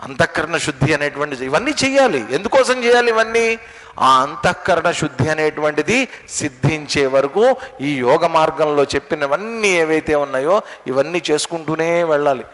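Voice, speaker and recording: A spiritual teacher giving a religious discourse, telling stories and asking rhetorical questions. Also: male voice, a little high, animated, normal speed, fairly bright tone. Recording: long hall reverb.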